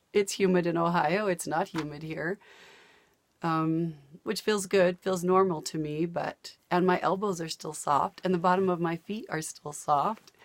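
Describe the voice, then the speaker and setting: An older woman from the US sits at home talking casually about cross-stitch for her vlog, laughing easily as she wanders from topic to topic. Her voice, on the low side with vocal fry, is partly gone from days of talking. The recording is dry.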